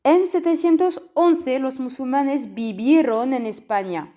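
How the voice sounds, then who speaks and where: Woman, teacher, language lesson, slow careful delivery, mellow tone, repeats forms. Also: high-pitched. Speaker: Spanish teacher. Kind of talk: language lesson explained in French.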